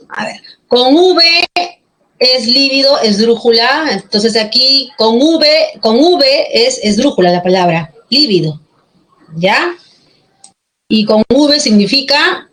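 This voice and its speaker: A woman's voice: on the high side, fairly bright tone, low-quality recording. A woman teaching an online class, patient and checking often that students follow, with a Peruvian Spanish accent.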